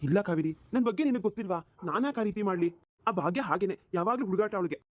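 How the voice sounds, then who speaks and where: A woman's voice: medium pitch, animated, very fast, no echo, lightly acted. A woman voicing a flustered young husband in a cartoon, pleading and exasperated. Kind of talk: cartoon voice acting.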